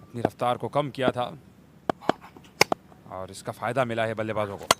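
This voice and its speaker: A man's voice: lowish voice, moderate pace. A Pakistani man adding analytical remarks as co-commentator in live cricket commentary. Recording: noisy outdoor live commentary.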